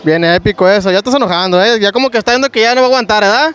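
Working a handheld microphone at an outdoor market, a young Mexican Spanish-accented street prank show host runs a game, ribbing the couple and hyping onlookers with slang. He talks rapid-fire in a high, slightly bright, clear and resonant voice.

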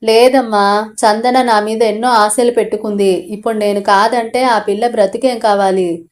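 A woman's voice: mid-range voice, steady tone, moderate pace, lightly acted. A woman voicing a stubborn, hot-headed young man who insists on marrying, in a storybook audio novel. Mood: insistent. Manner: insistent, sulky.

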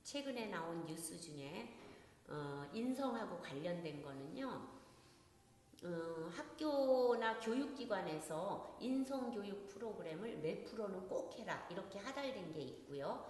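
A middle-aged woman who writes children's stories, giving a lecture on reading stories aloud, with a lively delivery that acts out scolding parents. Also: mid-range voice, measured pace. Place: lecture hall. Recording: echoey lecture hall, faint noise.

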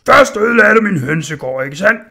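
Big angry blacksmith, booming, loud, storybook, a man doing the voice. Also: big pitch swings, vocal fry, full character voice.

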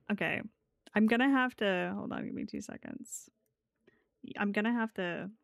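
This woman's medium-pitched voice is gravelly as she streams as a VTuber, keeping the live chat casual, giggly, playful, and sweary in gamer-girl fashion. She's close to the mic, and the sound has no echo.

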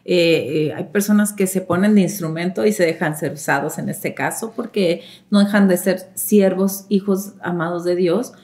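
A woman with a somewhat low-pitched voice co-hosts a faith TV talk show. She offers calm comments drawn from scripture and gentle agreement as her co-host speaks. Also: moderate pace, few pauses.

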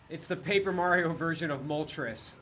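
A man chatting casually while playing a video game on stream, reacting out loud as he goes. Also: fairly high pitch, normal speed, a little hiss or hum. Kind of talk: casual gameplay commentary. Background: game music.

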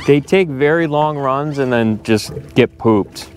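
A man chatting excitedly while fishing outdoors on a boat, cheering his catches. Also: medium pitch, unhurried, slight background noise. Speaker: angler and channel host. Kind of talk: casual chat while fishing.

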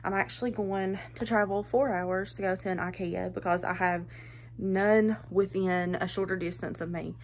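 A woman's voice: mid-range voice, fairly even intonation, normal speed, a little hiss or hum. Chatty young woman vlogging at home. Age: 20s. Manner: chatty, rambling, lots of "like" and "so". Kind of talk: casual home vlog. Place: small bedroom indoors. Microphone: phone camera held in hand.

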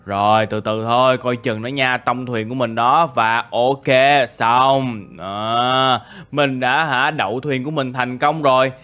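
A man's voice: medium pitch, fairly even intonation, slow, sharp tone, smooth. A young man, narrating a game story in a chatty, exclaiming way. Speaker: gaming YouTuber. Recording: faint background music.

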